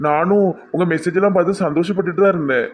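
A man's voice: high voice, steady tone, very fast, slight background noise. A man in a comedy skit who pleads and apologizes to a woman. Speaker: comic suitor in a skit.

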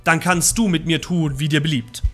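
A man's voice: fairly high pitch, fairly even intonation, moderate pace, a bit bright, soft background music. A man voicing a boastful mighty male wizard hero, declaiming in an old-fashioned way, read from a book in a game. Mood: proud.

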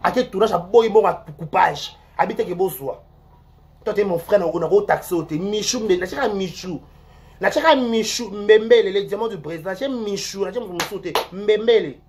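Animated Congolese-accented gossip host. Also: mid-range voice, a little fast. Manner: rambling, repeats words, swings between loud outbursts and muttering. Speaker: online show host.

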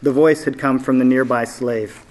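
A man, an author, reading his own fiction aloud at a live event in a measured storytelling manner. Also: mid-range voice, fairly even intonation, darkish tone.

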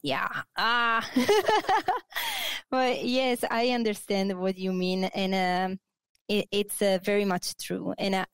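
An Italian architect from Naples, a woman in her thirties, speaks slowly and unhurriedly as a guest in a casual interview on a video call, using a headset in a bright office. Her lowish voice is smooth, a bit bright and very animated, recorded close and dry. She sounds hesitant, pausing often, restarting sentences and using many fillers.

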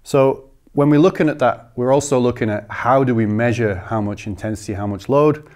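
A man's voice: mid-range voice, brisk. A man in his thirties, a strength coach, explaining training methodically in an indoor gym. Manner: steady, methodical listing of figures. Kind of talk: instructional explanation.

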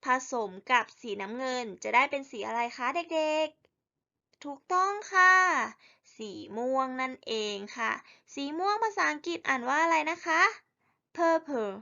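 A woman teacher leading young children through a lesson in slow call-and-response. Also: high voice, expressive, pushed and bright, lo-fi sound.

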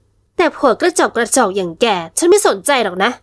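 Brief: haughty young woman, voiced by a woman, high and cutting, slow emphatic scorn, dry close sound. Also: sing-song, no echo. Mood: scornful. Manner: sharp, contemptuous, slow emphatic words. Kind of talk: audiobook character voice.

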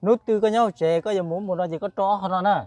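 A man's voice: high-pitched, racing, darkish tone, dry recording. A man with a Lao accent in casual chat, often giving short, polite acknowledgements. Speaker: relative receiving gifts for a child.

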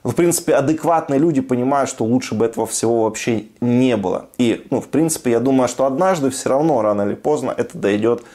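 A man's voice: mid-range voice, fast talker, few pauses, dark tone. Emphatic man giving political commentary. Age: 30s. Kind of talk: opinionated news commentary to camera.

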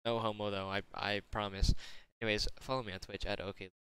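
Smooth-voiced teen guy, crude and boastful. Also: lowish voice, level tone, a little fast, fairly bright tone, dry recording. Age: teens. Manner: crude, slangy, boastful, swears constantly. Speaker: gaming YouTuber. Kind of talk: storytime vlog.

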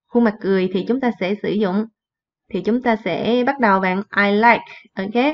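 A woman teaching an English lesson, reading phrases and repeating them in translation. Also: medium pitch. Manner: explains slowly, repeats in translation. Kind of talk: bilingual classroom lesson. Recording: dull lo-fi recording.

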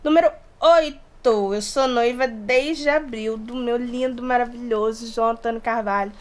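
In a small bedroom, a late-twenties woman from Resende, Rio de Janeiro state, chats casually with her YouTube audience via a close-front camera. Her fairly high voice keeps a moderate pace, playful and animated with hand gestures, in a Brazilian accent mixing Rio, São Paulo and Minas.

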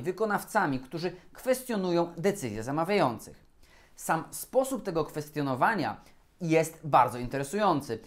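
Speaking in a somewhat high voice, a male lawyer presents procurement law in a scripted, educational talk, keeping his delivery formal, deliberate and measured.

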